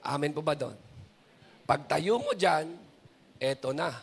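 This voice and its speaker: A Filipino man preaching a sermon, mixing Tagalog and English and putting questions to his congregation, building to shouted climaxes. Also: on the high side, animated, measured pace, vocal fry, husky. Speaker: pastor.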